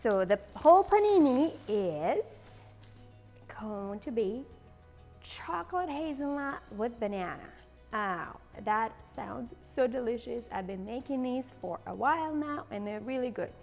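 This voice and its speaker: A woman in her forties hosts a cooking demonstration in a large home kitchen, chatty, bubbly and laughing often, putting on a playful Southern accent. Her voice is a little high, animated and unhurried, a little mellow with vocal fry, and the big-room sound carries soft background music.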